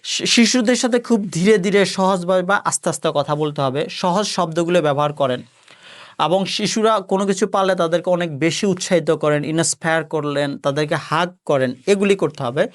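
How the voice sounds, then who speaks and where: A man with a Bangladeshi Bengali accent gives an instructional talk to parents. His voice sits fairly high, and he repeats each point and slips English words and phrases into his speech. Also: moderate pace.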